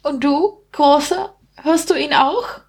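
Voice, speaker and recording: A woman voicing a cheeky, gossiping male street rat in an audiobook reading, in a high, mocking voice. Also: slow pace, vocal fry, darkish tone, full character voice. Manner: indignant, mocking, high squeaky voice.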